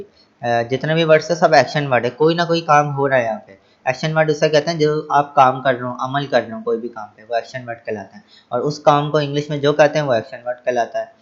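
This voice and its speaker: A male teacher with a mid-pitched voice walks young pupils through English vocabulary. He spells each word out letter by letter, then repeats and translates it, often pausing to ask the class questions. The audio is dull and lo-fi, like a home-recorded online lesson. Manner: asks rhetorical questions to the class. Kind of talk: explaining English vocabulary to children.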